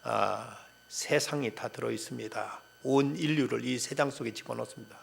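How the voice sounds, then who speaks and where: A gravelly pastor voicing a scheming devil. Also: male voice, mid-range voice. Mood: boastful. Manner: defiant, quick dismissive retorts. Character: cold scheming male devil who bargains. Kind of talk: acted quote within a sermon.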